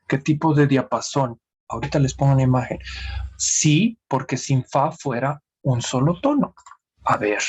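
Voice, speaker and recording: A man's voice: fairly high pitch, darkish tone, breathy edge. Man lecturing on a video call. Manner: explanatory, careful, frequently addressing the class. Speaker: teacher leading an online seminar. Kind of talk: academic lecture on music theory. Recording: dull lo-fi video call audio.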